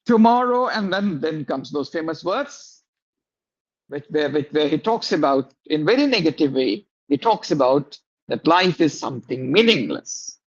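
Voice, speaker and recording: A man lecturing a class in a slow, drawn-out way, pausing often and asking his students questions. His voice sits high for a man. The recording is dull and lo-fi. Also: very animated. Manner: slow, drawn-out explaining with many pauses and fillers. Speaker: teacher.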